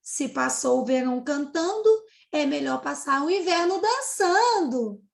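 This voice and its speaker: A woman's voice: high-pitched, expressive, unhurried, creaky, heavily acted. A woman voicing hard-working ants in a fable who question a lazy cicada reproachfully. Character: stern, questioning worker ants.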